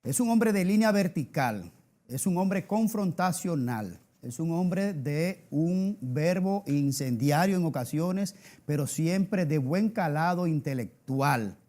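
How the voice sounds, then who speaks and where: A man with a Dominican accent hosting a TV interview, giving emphatic introductions and quick backchannels. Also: on the high side. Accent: Dominican Spanish. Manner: lively, emphatic introductions with many short backchannels. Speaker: TV interview host.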